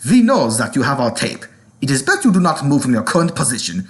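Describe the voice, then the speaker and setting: A man's voice: mid-range voice, big pitch swings, fast, lightly acted. A man voicing a menacing German official giving formal, commanding orders in a dramatic story reading. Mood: menacing, curt. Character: stern, menacing German male official on telephone. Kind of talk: dramatic reading of cartoon parody.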